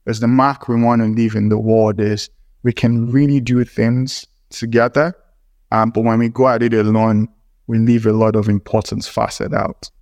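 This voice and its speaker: An earnest man answers interview questions as a company co-founder, favouring formal phrasing and maxims. His mid-range voice moves little in pitch and is recorded dry. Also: flat delivery, normal speed, darkish tone, dry recording. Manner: earnest, formal wording with aphorisms. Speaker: startup co-founder, guest.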